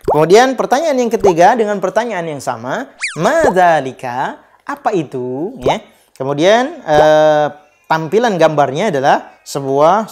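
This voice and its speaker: A man with an Indonesian accent teaching Arabic words on a children's TV program, speaking slowly and repeating himself with many small "ya" fillers. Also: on the high side. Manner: repetitive, many filler "ya", drawn-out Arabic examples. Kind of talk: slow, patient TV lesson for children.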